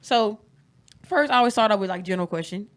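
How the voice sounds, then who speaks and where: A woman's voice: medium pitch, animated, quick pace. A woman from Mississippi hosting a podcast interview in a chatty, easy manner, laughing often and repeating words as she goes. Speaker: podcast host. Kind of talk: casual interview chat.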